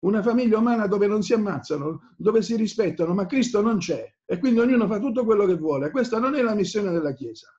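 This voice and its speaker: A man's voice: sits high, animated, fast talker, hardly any pauses, dark tone. A man preaching an impassioned sermon, repeating phrases and growing angry as he presses his points. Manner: fervent, repetitive, rises in anger. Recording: dull lo-fi recording.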